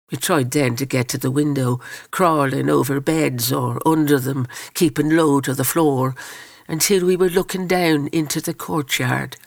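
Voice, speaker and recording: A man reading a story aloud in solemn, measured scripted narration. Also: fairly high pitch, creaky, fairly bright tone, no room sound, studio quality.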